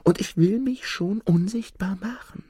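A man's voice: high voice, unhurried, husky, dry recording, clean studio sound, pitched above the performer's own voice. A man whispering as a sly young lad. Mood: secretive. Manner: hushed, whispering.

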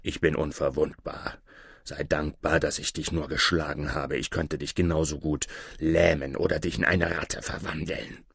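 Scheming male sorcerer, menacing and coaxing, as a man puts him on: very deep, hushed, unhurried delivery in a storybook reading. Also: little pitch movement, gravelly, slightly rough, no echo, studio quality, exaggerated voice. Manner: low, hushed and slow.

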